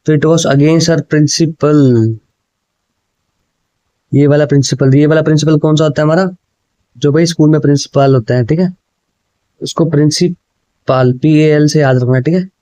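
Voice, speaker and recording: A man with a fairly high but mellow voice teaches a casual exam prep lesson, switching between Hindi and English. He reads each English question slowly and then breaks it down for his students in an easy, chatty way. The sound is dry and close, with no room echo. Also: fairly even intonation. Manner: explains in Hindi with English words, often says "ठीक है" and "भाई".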